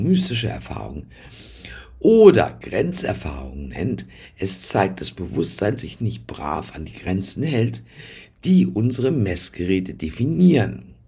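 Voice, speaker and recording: A man giving a reflective philosophical talk, musing aloud with pauses and soft asides. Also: on the low side, vocal fry, slightly rough. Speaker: speaker.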